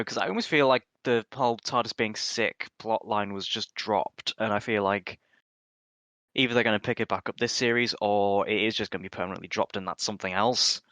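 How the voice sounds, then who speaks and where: A man's voice: on the low side, sharp tone, no room sound. A young man from north-west England on a podcast panel, chatting casually with wry, dry humour.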